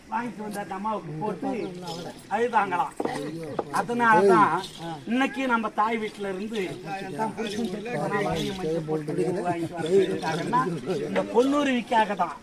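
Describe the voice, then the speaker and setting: A man with a Tamil Nadu accent telling a story as a street theatre performer in declaimed style. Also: high-pitched. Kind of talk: declaimed storytelling and closing address.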